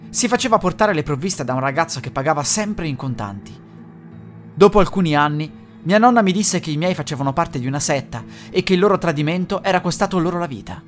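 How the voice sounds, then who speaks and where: A man reading a first-person horror story as a scripted narration, slowing down and dropping low and hushed on the dark lines. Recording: music bed under the voice.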